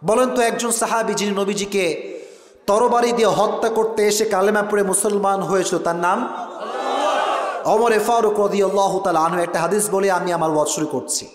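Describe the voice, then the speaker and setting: A man giving a lively waz sermon, telling a story with acted voices and calling on the young men. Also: high voice, moderate pace. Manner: animated storytelling, acts out voices, calls on the youth. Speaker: preacher. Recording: echoey hall with long reverb.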